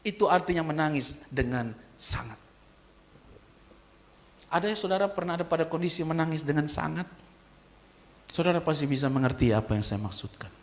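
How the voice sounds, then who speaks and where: A male pastor preaching a sermon, swinging from hushed whispers to shouted peaks and calling out questions for the congregation to answer. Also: a little high, expressive, normal speed, long pauses. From Kupang, eastern Indonesia.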